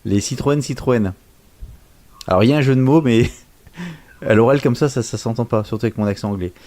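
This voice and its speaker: A man's voice: mid-range voice, fairly quick, darkish tone. A man co-hosting a casual tech news podcast, joking and searching for words as he goes. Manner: joking, hunts for words mid-sentence. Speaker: podcast co-host.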